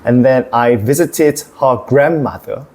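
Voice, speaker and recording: A man's voice: mid-range voice, a little slow, a little mellow. A middle-aged man from Korea with a Korean accent, hosting a casual chat and asking lots of curious questions. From South Korea. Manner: curious, asks lots of questions, laughs often. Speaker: host. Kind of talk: casual conversational interview.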